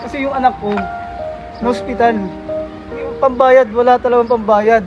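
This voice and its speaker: A man's voice: very high voice, fairly even intonation, normal speed, lo-fi sound, music in the background. A man playing a desperate hostage taker in a student film, frantic and threatening, repeating his warnings. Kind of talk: amateur student film acting.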